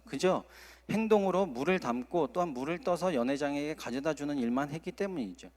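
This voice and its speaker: A man's voice: on the high side, darkish tone. A male associate pastor preaching a sermon at a Friday service, earnest and acting out quoted dialogue. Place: church sanctuary. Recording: long church hall reverb.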